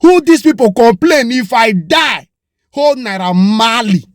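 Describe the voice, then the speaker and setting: Close to the mic in a dry, dead room with no room sound, a Nigerian commentator with a high voice and a Pidgin English accent delivers what sounds like an opinion monologue. He argues passionately and animatedly at a measured pace, firing off rhetorical questions and slipping into Yoruba now and then.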